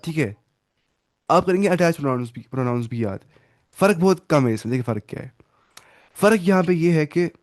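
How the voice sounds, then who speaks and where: A man's voice: mid-range voice, a little mellow. A man teaching an online Arabic lesson in Hindi, drilling grammar through repetition and often asking his students questions. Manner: repetitive drilling with hand gestures.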